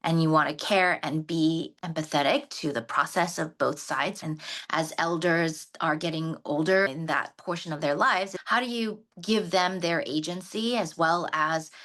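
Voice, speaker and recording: A woman's voice: low-pitched, a little slow, a bit bright. A woman sharing earnestly and reflectively in a women's circle, often restarting mid-thought. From grew up in the US, born in Japan. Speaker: panel participant.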